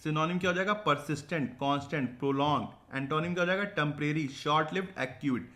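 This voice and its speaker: A young man teaching an exam-prep vocabulary lesson, explaining memory tricks, asking rhetorical questions and reading example sentences slowly. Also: a little high, fairly bright tone.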